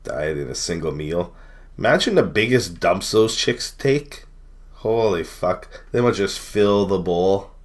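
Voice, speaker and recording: A Canadian man rants over clips in a low, unhurried voice. He swears freely and mocks whoever is on screen, then laughs at his own jokes. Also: lively intonation. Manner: profane, mocking, laughing often. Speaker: streamer. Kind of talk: casual reaction rant.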